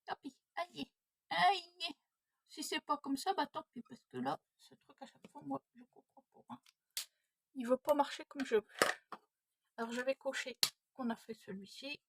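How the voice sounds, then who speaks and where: Thirtysomething woman vlogging her budget, thinking out loud, mumbly, pretty high voice, dry sound. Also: gravelly, breathy edge, no echo. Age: 30s. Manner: muttering to herself, thinking aloud. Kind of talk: casual self-talk while doing savings challenges.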